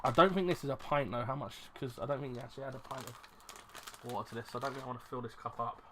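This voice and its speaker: Over background noise, a quick-paced man with a plain, mid-range voice chats casually in his own vlog. He reviews ration packs on YouTube, rambling unscripted and poking fun at himself, with lots of restarts while he works out his thoughts.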